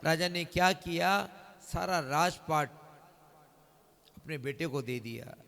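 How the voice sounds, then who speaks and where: A man narrates a devotional tale at a religious gathering, his high voice carrying a gravelly edge. He talks at an unhurried pace and stretches into long sung verses. His voice rings with the long reverb of a big hall. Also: bright, forceful tone. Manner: calls on the crowd to raise hands and respond; switches into long drawn-out singing. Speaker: devotional storyteller at a night vigil.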